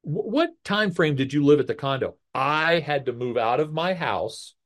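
A man's voice: on the high side, moderate pace. A middle-aged man guest-hosting a talk show, giving blunt, opinionated commentary and acting out the people he quotes. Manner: blunt, animated, acts out quoted voices. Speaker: guest host.

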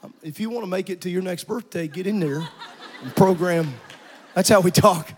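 High-pitched preaching man in a church. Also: in a large hall, some chatter behind, slight background noise. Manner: preaching with rising shouts and fast asides. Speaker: pastor. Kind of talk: evening sermon. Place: church sanctuary.

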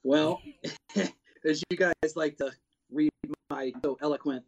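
A man's voice: a little high, takes it slowly, highs cut off. A man co-hosting a sports podcast, chatting casually in informal, colloquial buddy talk. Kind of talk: casual chat.

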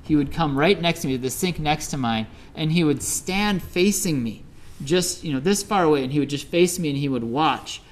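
A man's voice: fairly high pitch, expressive, normal speed. A middle-aged Midwestern man giving a Buddhist dharma talk as a teacher, telling stories conversationally with many fillers. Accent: Midwestern American.

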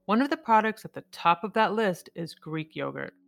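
A woman hosts in a scripted narrating style. Her voice sits at a middle pitch, and soft music plays faintly behind her. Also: expressive, moderate pace, creaky. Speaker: podcast host, advocacy group director.

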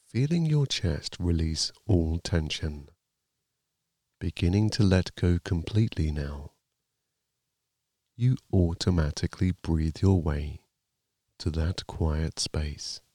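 A man narrating a guided sleep meditation like a sleep story, in a calm, soothing, gently measured manner. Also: sits low, dry recording, studio quality.

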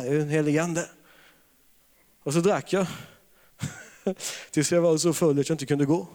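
Telling stories with plenty of humor, a man preaches charismatically and laughs a lot along the way. His pitch is fairly high and his tone a bit mellow, and the recording carries a large hall's long reverb.

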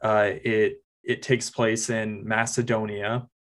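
A man's voice: fairly low pitch, flat delivery, a bit bright. Earnest man gushing about a film. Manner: earnest and enthusiastic, halting with fillers. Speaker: podcast co-host and film critic. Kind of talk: casual film review chat.

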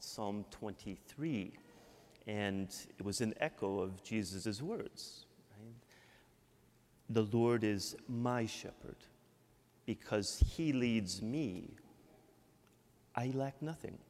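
Preaching a sermon in a church with long reverb, a priest from Michigan in the American Midwest talks conversationally and keeps adding "right?". His voice is lowish.

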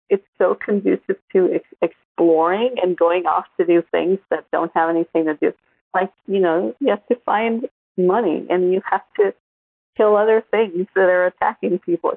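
Woman with a gravelly low voice. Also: no room sound. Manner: chatty, laughs easily, many fillers. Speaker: podcast co-host. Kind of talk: casual chat. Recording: tinny phone-like line.

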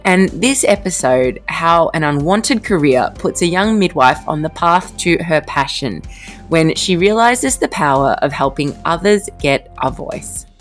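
A woman hosts and narrates a documentary-style podcast in a scripted, expressive delivery. Her voice is low but moves through a wide, lively range. Faint music sits beneath her narration. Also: unhurried.

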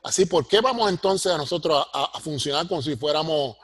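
Man, husky, slightly high voice, dry close sound, earnest explaining professor. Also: a little fast, dry recording. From Puerto Rico. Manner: earnest, explanatory, asks "¿ve?" for agreement. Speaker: sociology professor, guest. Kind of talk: interview answer.

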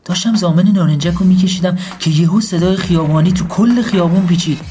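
A man narrating a comic first-person story in a deadpan tone. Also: high voice. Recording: faint music behind.

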